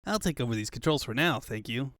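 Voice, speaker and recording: A man's voice: medium pitch, animated, quick pace, fairly bright tone, no echo, clean studio sound, natural voice. A man voicing a cocky, cheeky young hedgehog hero in a comic dub, with a breezy manner.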